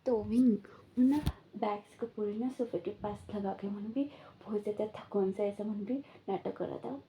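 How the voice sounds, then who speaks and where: A woman's voice: medium pitch, fairly even intonation, moderate pace, mellow, a little hiss or hum. A woman casually retelling a fan-fiction story in a chatty, loose way, full of fillers.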